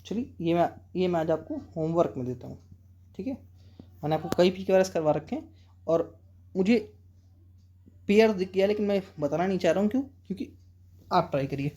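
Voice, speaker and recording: A man with an Indian accent teaching an exam-prep English lesson, reading English sentences out slowly and often checking with students. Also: sits high, mellow, slight background noise.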